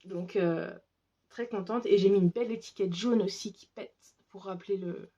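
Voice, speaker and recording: A woman's voice: mid-range voice, moderate pace, warm tone, lo-fi sound. A woman chatting casually and enthusiastically as a craft vlogger, showing her handmade pouches, with lots of fillers. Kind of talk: casual show-and-tell.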